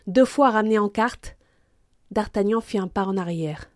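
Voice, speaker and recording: A woman reading aloud in a steady, clear voice, mixing a storybook passage with children's book text. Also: mid-range voice, moderate pace, no room sound, clean studio sound. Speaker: reader.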